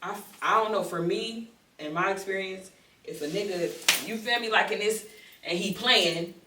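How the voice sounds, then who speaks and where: A woman's voice: mid-range voice, moderate pace, very noisy. A woman as a podcast guest, speaking candidly and emphatically in slangy casual talk. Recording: echoey room, distant mic.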